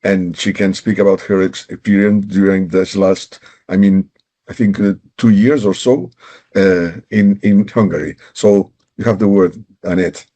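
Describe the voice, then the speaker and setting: A man's voice: deep voice, fairly even intonation, a little slow, dark tone, highs cut off. A man moderating a webinar, introducing the next speaker politely and a little hesitantly. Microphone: video call.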